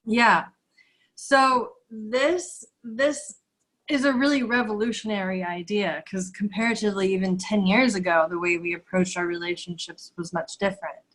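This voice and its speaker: A woman's voice: medium pitch, fairly even intonation, normal speed, a bit bright, low-quality recording. Encouraging woman hosting a video-call interview. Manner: encouraging, with frequent short affirmations. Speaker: interview host.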